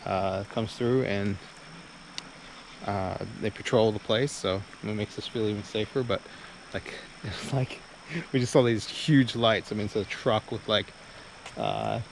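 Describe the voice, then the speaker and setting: A channel host narrates a laid-back camping vlog outdoors at a campsite, rambling and hesitant with easy chuckles. His fairly low voice holds a steady tone and runs a little slow, on a rough recording with outdoor background noise.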